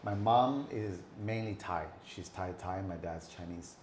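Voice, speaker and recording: Low-voiced New York woman, echoey room. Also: a little slow, darkish tone. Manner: loose and talkative, repeats words. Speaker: podcast co-host. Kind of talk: casual podcast chat. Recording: echoey room with faint background noise.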